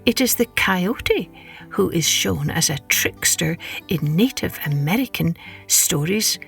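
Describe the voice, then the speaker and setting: Woman, story podcast host, scripted narration for children, lively intonation, slow pace, expressive. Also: lowish voice, vocal fry, faint music behind. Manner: expressive, carefully phrased.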